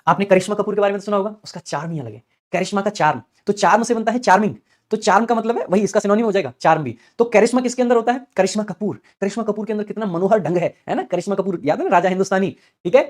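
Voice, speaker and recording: Fast-talking male teacher. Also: high-pitched. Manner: fast, chatty, repeats key words in chanting rhythm. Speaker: English vocabulary teacher. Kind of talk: exam-prep vocabulary lesson with memory tricks.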